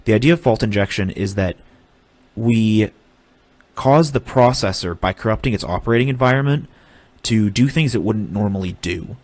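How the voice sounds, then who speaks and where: A young man casually explaining a technical topic on a stream, halting with restarts as he draws diagrams. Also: fairly low pitch, a little mellow. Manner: halting, many fillers and restarts while drawing. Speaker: streamer explaining hardware hacking.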